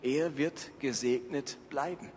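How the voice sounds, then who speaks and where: A man's voice: medium pitch, slow, darkish tone, slight background noise, natural voice. A man voicing a shaken old father, reading his startled, dismayed lines in an echoey hall. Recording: echoey hall, faint ambience.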